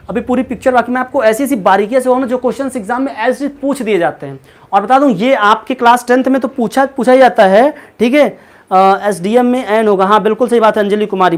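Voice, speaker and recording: High-voiced teacher quizzing his class. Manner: keeps quizzing students, repeats questions, calls them by name and pet names. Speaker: English teacher. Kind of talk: live online class lecture.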